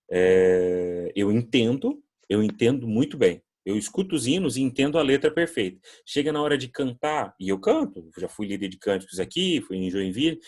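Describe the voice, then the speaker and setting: A man's voice: medium pitch, darkish tone. A man from Brazil teaching an English class online, talking conversationally and acting out quoted voices as he answers student questions.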